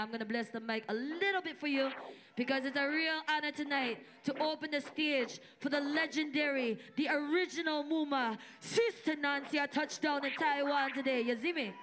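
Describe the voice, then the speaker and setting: A Singaporean rapper serving as opening MC hypes the audience at a club with energetic call-and-response, speaking into a handheld mic in a high voice at a fairly quick pace. Loud music fills the background of this live concert PA recording.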